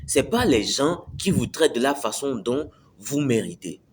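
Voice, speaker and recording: At normal speed and with lively intonation, a man with a mid-range voice speaks over a little hiss or hum. He hosts a self-improvement video, giving a casual motivational talk to camera, repeating his points and asking "tu me suis".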